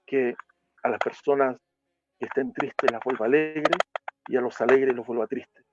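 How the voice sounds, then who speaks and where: A man voicing a proud king who gives a slow, commanding order, in a dull, lo-fi recording with music behind. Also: medium pitch, very noisy, lightly acted. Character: proud, demanding old king.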